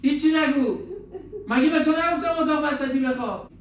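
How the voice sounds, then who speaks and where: Brief: male prank host, defensive and pleading, caught on a distant hidden mic in a boomy room. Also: heavy reverb, a little hiss or hum. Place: indoor bedroom. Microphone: hidden camera.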